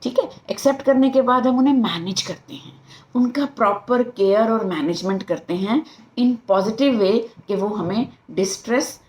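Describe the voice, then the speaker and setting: A middle-aged woman with an Indian accent, a life coach and psychologist, giving a lively motivational talk to camera and mixing in English phrases. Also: on the high side, normal speed, rough recording.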